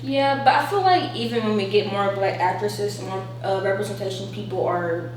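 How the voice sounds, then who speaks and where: A woman's voice: medium pitch, normal speed. A twenty-one-year-old woman from North Carolina, talking casually with frequent fillers in a group discussion. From North Carolina, USA. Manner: casual, filler-heavy, uses "like" often. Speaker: discussion participant. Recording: echoey room, far from mic, noisy.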